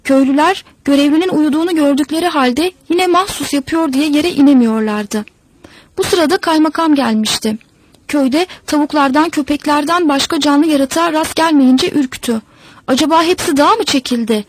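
High-voiced woman narrating a folk tale. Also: normal speed, no room sound, poor audio. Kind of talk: storybook narration.

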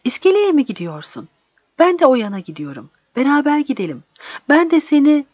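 A woman voicing an eager, friendly village boy who pleads in a raised, bright voice. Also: high-pitched, big pitch swings, a little fast, dry recording, pitched above the performer's own voice. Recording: dry, slightly dull recording.

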